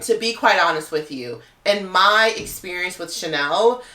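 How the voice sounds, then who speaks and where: A woman's voice: fairly low pitch, lively intonation, unhurried, bright, forceful tone, echoey room. A woman talking casually to camera as a luxury handbag YouTuber, chatty and full of "like" fillers.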